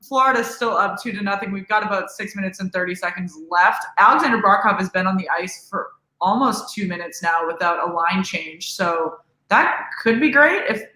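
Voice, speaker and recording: A woman's voice: medium pitch, sharp tone, echoey room, rough recording. A young woman co-hosting a casual hockey livestream, upbeat as she plugs the channel and gives game updates.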